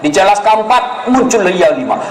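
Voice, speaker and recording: A man with a Makassarese Indonesian accent giving a humorous sermon to an audience, animated, joking with the crowd and acting out voices. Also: high-pitched, moderate pace, echoey room, low-quality recording. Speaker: preacher.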